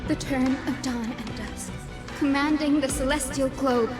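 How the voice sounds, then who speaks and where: An actress playing a curious young companion who asks earnest questions. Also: female voice, sits high, unhurried, in a large hall. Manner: inquisitive, earnest. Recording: game music behind.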